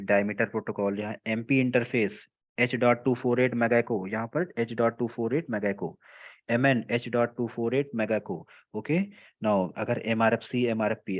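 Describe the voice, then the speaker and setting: In a muffled recording, a telecom trainer with a medium-pitched voice teaches a technical lecture. He takes things slowly, repeats key phrases, uses English terms and checks in with listeners frequently.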